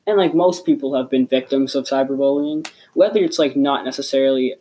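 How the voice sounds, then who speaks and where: A man's voice: medium pitch, fairly quick, dark tone, low-quality recording. A teenage boy co-hosting a podcast in casual chat, filling his speech with "like". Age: teens. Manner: casual, heavy use of "like". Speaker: podcast co-host.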